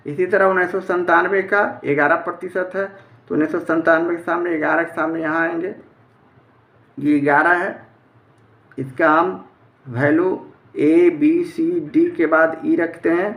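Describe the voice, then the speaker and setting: A man's voice: fairly high pitch, fairly even intonation, a little slow, a bit bright. A man teaching a step-by-step math lesson, explaining methodically in a plain way. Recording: echoey room.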